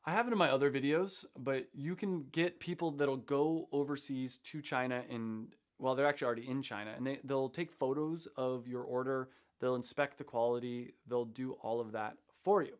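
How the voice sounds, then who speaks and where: A chatty man hosting a livestream in a loose, rambling way. His pitch sits in an ordinary middle range, and he switches between tips and reminders to the viewers. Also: normal speed, hardly any pauses. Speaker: host. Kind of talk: casual livestream teaching.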